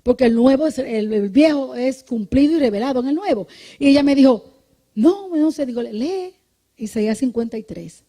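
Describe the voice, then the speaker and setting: A woman's voice: high-pitched, animated, moderate pace, mellow. A woman pastor preaching a midday church sermon in a conversational teaching way, often checking in with her listeners and saying amen, with some restarts and repeated words. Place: church service.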